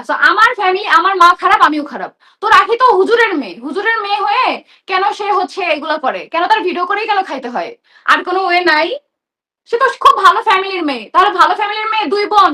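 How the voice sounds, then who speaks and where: A woman's voice: extremely high pitch, sharp tone. A young woman, hosting a live stream and ranting in a heated, sarcastic, confrontational way.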